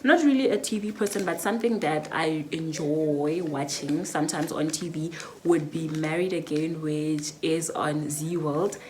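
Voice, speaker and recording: A nineteen-year-old South African YouTuber chats reflectively through a casual Q&A vlog, using lots of fillers. Her voice is low and measured, but the audio quality is poor.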